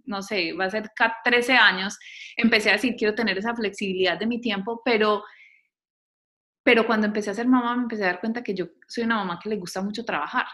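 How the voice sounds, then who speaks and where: A woman talking thoughtfully in casual conversation, with frequent fillers and lively quoting of others. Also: medium pitch, fast.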